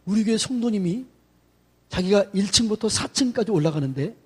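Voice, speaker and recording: A middle-aged man, a senior pastor, gives a chatty, lively sermon to church staff and acts out greetings in quoted voices. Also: high-pitched, fairly quick, husky. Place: church sanctuary.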